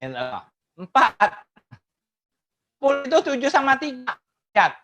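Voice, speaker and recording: A woman teaching math in an online webinar, laughing often and asking her audience lively questions. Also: high-pitched, moderate pace. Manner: laughs often between phrases; acts out quoted remarks in changed voices.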